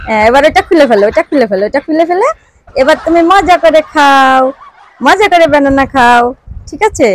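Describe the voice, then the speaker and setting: A woman's voice: high voice, lively intonation, quick pace, a little hiss or hum. A woman vlogger coaxing and cooing in affectionate baby talk as she feeds and plays. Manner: sing-song, affectionate coaxing.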